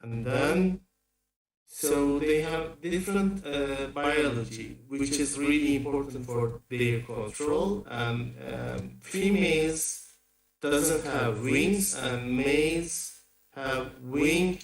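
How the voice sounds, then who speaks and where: A man lectures slowly at a seminar, his voice arriving through a bad video-call connection that sounds distant and echoey. He talks haltingly and often stops to restart a phrase. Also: medium pitch. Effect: remote voice over a bad online connection. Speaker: invited seminar speaker.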